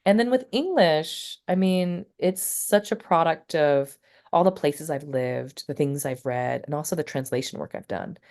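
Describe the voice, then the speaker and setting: Unhurried and darkish in tone, this low-voiced woman, a poet and teacher, chats as an interview guest. Her talk is loose and rambling, sprinkled with "like" and "you know," and she often restarts sentences midway.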